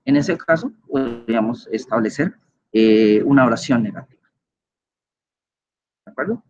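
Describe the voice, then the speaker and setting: A man's voice: medium pitch, animated, normal speed, dull audio. A man giving an online grammar lecture as a teacher, patient and explanatory, often checking in with his listeners. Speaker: English teacher.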